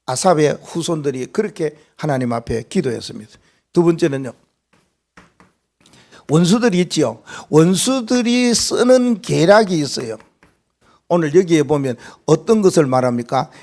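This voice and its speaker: A male pastor with a Gyeongsang accent preaching a sermon, animated and asking the congregation frequent rhetorical questions. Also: on the high side, normal speed.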